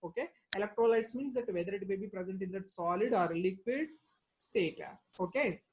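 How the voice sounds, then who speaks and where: A woman's voice: medium pitch, moderate pace, darkish tone. A woman with a South Indian accent from Telangana giving an online chemistry lecture, repeating herself and often asking rhetorical questions and adding verbal tags. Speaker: chemistry teacher. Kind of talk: online exam-prep lecture.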